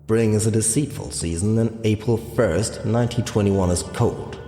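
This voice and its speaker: Actor as a deep-voiced haunted narrator, slow and grave, roomy reverb. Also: male voice, lightly acted. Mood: grim. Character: haunted man narrating his family's murder. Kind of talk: dramatic narration. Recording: reverberant hall with loud music.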